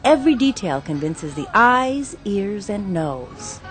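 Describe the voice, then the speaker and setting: Lively-voiced woman reporter narrating. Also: mid-range voice, slow pace, faint music behind, poor audio. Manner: upbeat, chatty on camera. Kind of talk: scripted news feature narration.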